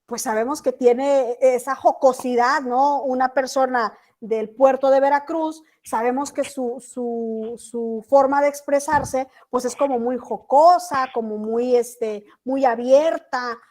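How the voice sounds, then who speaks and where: A high-voiced woman teacher from Chiapas, Mexico, gives an online class lecture over a video call. She keeps checking whether her students are following along. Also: fairly even intonation, slow pace, hardly any pauses, darkish tone. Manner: checks in often with students, asking "¿sí?".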